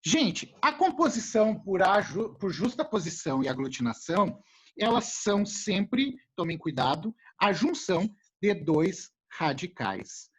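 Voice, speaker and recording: A male teacher from giving a casual classroom lesson, animated and jokey, speaking to his students as a group. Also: sits high, unhurried, husky. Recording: muffled lo-fi recording.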